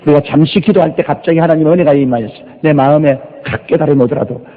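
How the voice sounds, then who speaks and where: An older man preaching a sermon as a pastor, telling stories with rhetorical questions and drawn-out emphasis. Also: fairly high pitch. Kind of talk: sermon, Bible exposition. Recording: lo-fi recording with long reverb.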